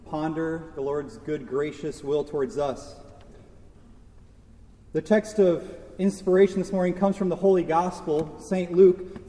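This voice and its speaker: Male pastor, sermon, conversational with wry asides, high voice, long church reverb. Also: mellow.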